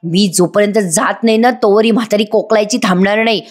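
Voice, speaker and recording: A woman's voice: mid-range voice, fairly quick, lightly acted. A woman voicing a rude, irritated young woman who snaps at her elders. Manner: irritated, insolent.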